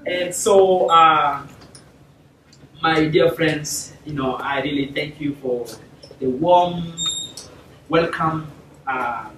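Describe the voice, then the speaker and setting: A young South Sudanese man giving a formal talk to a university class, thanking people warmly and using many fillers. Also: fairly high pitch, extremely slow, long pauses, background noise. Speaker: guest speaker. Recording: echoey classroom, from far off.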